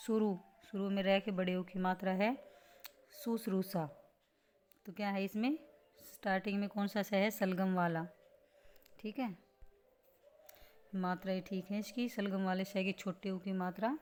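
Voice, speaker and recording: A woman's voice: medium pitch, steady tone, measured pace, pauses often, a little mellow, slight background noise. A woman teaching a grammar lesson on correct spelling, explaining patiently step by step and asking rhetorical questions as she goes. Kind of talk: spelling lesson for exam students.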